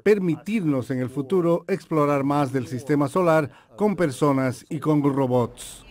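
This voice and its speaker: A male scientist gives a clear, explanatory interview soundbite in a slightly raised voice. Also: a little high, a little slow, darkish tone.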